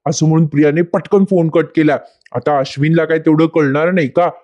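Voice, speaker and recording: Male recap narrator, casual, speaks to viewers; mellow, slightly high. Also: fairly even intonation, brisk. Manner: addresses viewers directly. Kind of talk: casual retelling of a TV episode.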